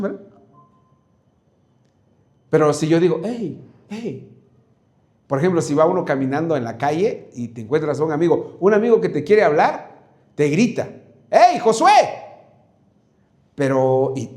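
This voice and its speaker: A man teaching a Bible study on Proverbs, animated, with frequent fillers and restarts. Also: fairly high pitch. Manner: animated, acts out shouts and whispers in examples. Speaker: preacher.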